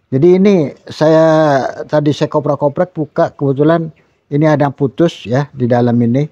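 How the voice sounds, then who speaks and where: An older retired man, the channel's host, slowly showing his old microphones in a rambling, casual way with many fillers. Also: medium pitch, warm tone, dry recording. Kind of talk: casual show-and-tell about microphones. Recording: dull lo-fi dry sound.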